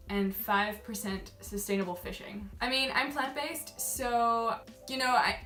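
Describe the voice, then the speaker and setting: This young woman, raised in Malaysia, is a travel vlogger who rambles casually to camera and often laughs at herself. Her voice is mid-range and fairly bright. The room echoes, the mic sits at a distance, and faint music plays.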